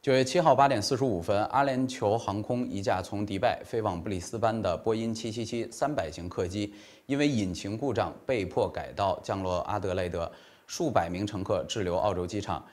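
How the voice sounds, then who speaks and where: A man's voice: lowish voice, fairly quick, darkish tone. A man in his thirties reading scripted news as a formal anchor, recorded on a lapel mic in a small studio.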